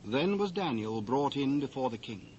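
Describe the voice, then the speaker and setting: British guy reading scripture as narrator, measured n formal, slight cassette hiss behind. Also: mid-range voice, big pitch swings, a little mellow, dull audio. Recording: faint hiss, old cassette transfer.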